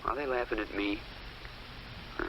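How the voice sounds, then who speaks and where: A man playing a lonely, insecure high school boy thinking anxiously aloud in an old educational film. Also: steady tone, normal speed, fairly bright tone, close to an everyday voice. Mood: brooding, self-doubting. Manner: anxious, self-doubting. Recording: muffled old film soundtrack.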